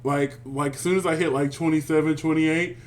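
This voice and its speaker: A man in his thirties co-hosting a casual review chat, sassy and animated, calling people "honey.". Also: a little high, fairly quick. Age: 30s. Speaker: podcast co-host.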